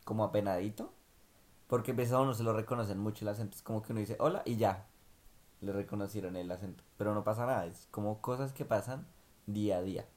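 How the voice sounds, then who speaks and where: Mellow low-voiced man, rambling. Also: fast. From Colombia. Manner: relaxed, rambling with many fillers. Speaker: vlog co-host. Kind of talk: casual chat.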